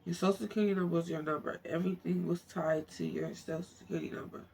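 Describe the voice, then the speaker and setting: This amateur book narrator has a lowish, gravelly, somewhat mellow voice with a steady tone, and she reads fast. Her informal reading is full of stumbles and little musing asides spoken to herself, over faint background noise.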